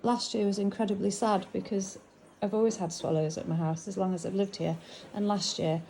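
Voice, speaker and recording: Middle-aged northern English woman sorting antiques on camera, chatty and fond of her finds, warm gravelly delivery. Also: medium pitch, fairly even intonation, fairly quick, slight background noise, rough recording. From England. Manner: chatty, musing aloud, fond of the items. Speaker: antiques seller. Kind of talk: casual narration while sorting antiques.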